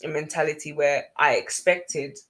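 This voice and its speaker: A woman's voice: sits low, steady tone, normal speed, fairly bright tone. A woman in casual chat with her sister, earnest and a little preachy, repeating phrases for emphasis. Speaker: podcast host.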